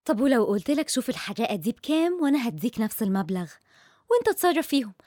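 A woman's voice: a little high, very animated, very fast, dark tone, no echo, studio quality. An actress playing a determined, persuasive woman doctor in a radio drama, with an Egyptian accent and an assertive manner. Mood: coaxing. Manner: assertive, coaxing. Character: determined, persuasive female doctor investigating a mystery.

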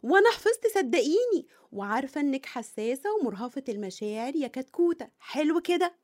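Woman playing a mischievous teasing sister, Egyptian accent, high voice, fast talk. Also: sing-song, a little mellow. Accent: Egyptian Arabic. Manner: teasing, affectionate. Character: teasing young sister, playful.

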